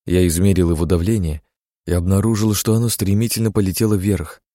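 A man narrating a novel in first person with a low, dark voice. His reading is steady and measured. The sound is dry and close. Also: no echo. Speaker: audiobook narrator.

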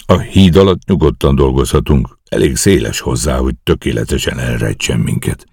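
A man's voice: rumbling low, darkish tone, slightly rough, no room sound, studio quality, full character voice. A man reading the lines of an eager young commando officer who earnestly reports a risky night mission to his superiors.

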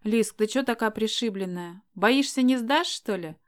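A woman voicing a sharp-tongued young woman in an audiobook, blunt and mocking in casual slang. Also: a little high, normal speed, pitched above the performer's own voice, lightly acted.

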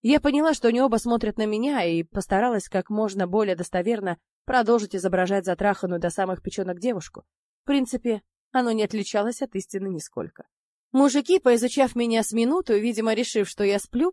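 A woman narrating a first-person audiobook in a wry, expressive way. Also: a little high, fast talker, no echo, studio quality.

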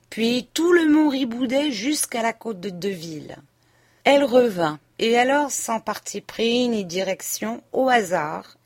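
A woman reading a classic novel aloud as an audiobook narrator, in a measured, even storytelling manner. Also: on the high side, no echo. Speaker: audiobook reader. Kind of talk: scripted literary narration.

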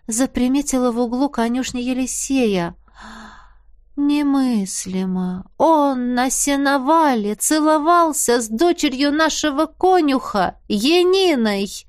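Woman narrator, first-person storybook, expressive, higher voice, dry close sound. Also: no room sound. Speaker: audiobook narrator.

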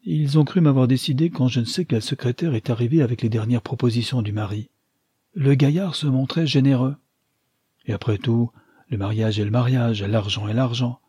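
Guy doing a bossy old granny, teasing, husky and a bit higher, dry close sound. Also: moderate pace, warm tone, no echo. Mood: scheming, teasing. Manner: teasing, commanding, sly. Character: shrewd, imperious old grandmother, bedridden.

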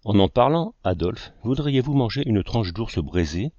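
A man voicing an older uncle who teases his nephew with deadpan seriousness, in a low voice. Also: normal speed, no room sound, highs cut off. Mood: teasing. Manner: deadpan teasing. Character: teasing older uncle, dry wit.

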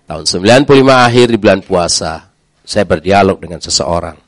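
A middle-aged man, a preacher telling his own story in a lively way and acting out the voices of the people in it. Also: deep voice, a little fast, dry recording, studio quality. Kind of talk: lively testimony talk.

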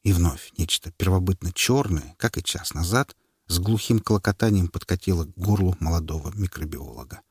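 A man reading a story aloud in measured scripted narration. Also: low-pitched, slightly rough, no echo, clean studio sound. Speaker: audiobook narrator.

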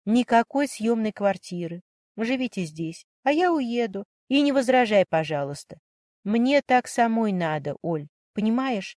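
A woman reading an audiobook story voices a calm, determined young woman who speaks steadily and resolutely. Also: a little high, a little slow, dry recording, studio quality.

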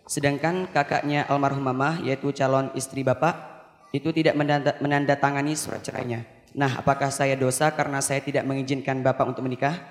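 Flat-voiced man reading a question, echoey hall. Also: medium pitch. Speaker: question reader. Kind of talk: reading a listener's question aloud. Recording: echoey hall with long reverb.

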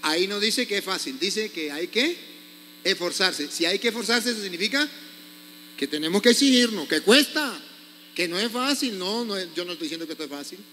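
A man's voice: high-pitched, lively intonation, brisk, sharp tone, in a large hall, a little hiss or hum. A priest preaching a sermon, scolding his congregation with pointed rhetorical questions.

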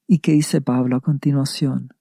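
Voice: mid-range voice, fairly even intonation, normal speed, gravelly, warm tone, no echo, studio quality. A preacher giving a sermon, retelling a scripture passage and asking rhetorical questions before answering them. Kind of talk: radio sermon reading scripture.

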